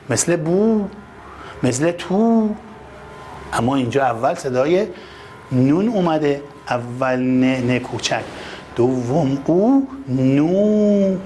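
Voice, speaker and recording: Lively man teaching children to read. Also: slight background noise. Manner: sounds out letters slowly and repeats them; calls out to children with sudden high, lively bursts. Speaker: first-grade teacher. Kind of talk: children's reading lesson.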